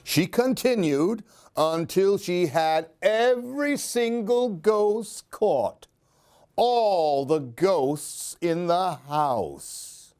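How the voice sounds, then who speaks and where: This storyteller's voice sits high, clean and a little mellow, with lively intonation and drawn-out words. Hosting a children's story time, he performs Halloween picture books aloud and includes questions and asides for the kids.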